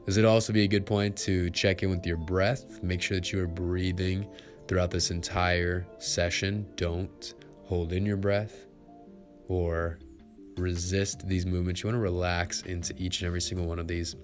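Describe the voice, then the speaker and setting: A man giving follow-along foam rolling instructions in a relaxed, encouraging coaching manner. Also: sits low, moderate pace. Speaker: fitness instructor. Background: faint background music.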